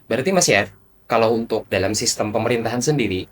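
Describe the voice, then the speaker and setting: A man's voice: mid-range voice, fast talker, fairly bright tone. A male podcast host with a mid-range voice, sounding slightly away from the mic. He asks questions and keeps echoing and confirming what his guest says, in a roomy, distant tone. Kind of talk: podcast interview.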